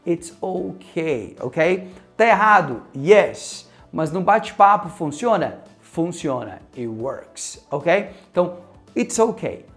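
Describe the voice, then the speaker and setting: An English teacher with a Brazilian Portuguese accent gives a casual lesson in a fairly high voice, taking it slowly over soft background music. He's animated, mixes in English phrases, and keeps checking in with the viewer by asking "ok?".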